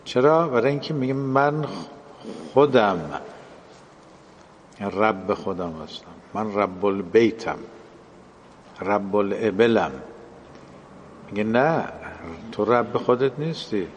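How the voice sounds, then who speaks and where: A man's voice: on the low side, long pauses, in a large hall, lo-fi sound, slight background noise. A man giving a religious lecture in a classroom style, explaining and translating quoted Arabic phrases.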